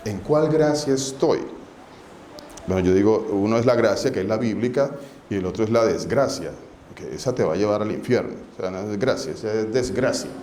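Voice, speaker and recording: A man's voice: lowish voice, lively intonation, fairly quick, a little mellow. A male pastor preaching a sermon, asking rhetorical questions and repeating key words. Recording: echoey room with faint background noise.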